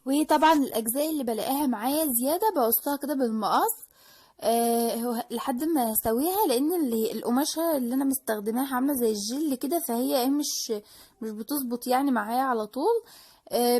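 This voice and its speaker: This DIY crafts channel host, a woman with an Egyptian Arabic accent, explains her tutorial chattily and informally. Her high voice is slightly mellow and husky, and she speaks rapidly, frequently restarting phrases and dropping in fillers.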